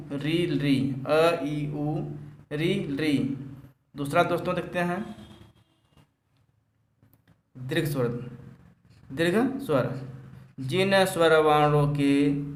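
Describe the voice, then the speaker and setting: A man teaching an exam-prep class in a slow, deliberate voice that sits a little high for a man. He repeats every point and chants through lists of vowels, and the echoey room rings around him. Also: fairly bright tone. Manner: slow and deliberate, repeating each point and addressing viewers as friends; chants lists of vowels and recites a Sanskrit verse.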